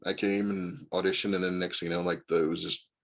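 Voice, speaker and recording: A man in his forties from Indiana, USA, speaks with a low, level, slightly bright voice and talks fast. He's a guest actor in a casual interview chat, telling long, rambling stories packed with fillers.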